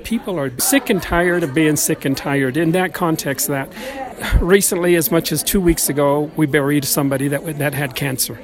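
A man's voice: fairly high pitch, moderate pace, crowd noise. A man at a march speaking earnestly and emphatically in an interview. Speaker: community member at a march. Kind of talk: interview statement.

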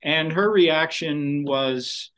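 A man's voice: fairly high pitch, extremely slow, fairly bright tone, clear, resonant tone. A man interviewed as a scientist, explaining technical findings in a methodical way. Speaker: scientist guest. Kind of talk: interview answers.

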